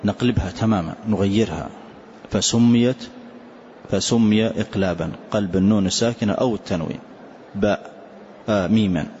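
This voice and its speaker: A man teaching a tajweed lesson, explaining slowly and reciting short words to demonstrate pronunciation. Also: on the low side, dark tone. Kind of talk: classroom lesson on tajweed rules. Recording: dull lo-fi lecture recording with faint hiss.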